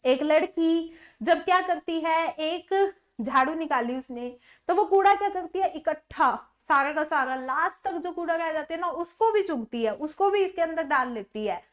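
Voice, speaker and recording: A woman teaching an online vocabulary lesson, mixing Hindi with English words, who keeps asking the viewer questions and then answers them herself. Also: high-pitched.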